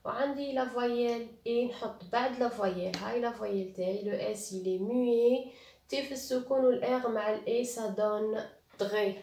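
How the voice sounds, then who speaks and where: A woman teacher, slowly spelling out letters and syllables in a reading lesson, mixing French with Arabic. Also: fairly high pitch, gravelly, darkish tone. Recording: roomy and distant from the mic.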